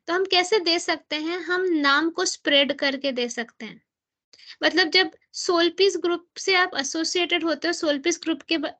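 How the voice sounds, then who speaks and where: Leading a devotional scripture class, this woman speaks in a high, bright, forceful voice. Her explanations mix Hindi and English in a chatty way as she asks herself questions and answers them, while English passages from the book are read slowly and with care.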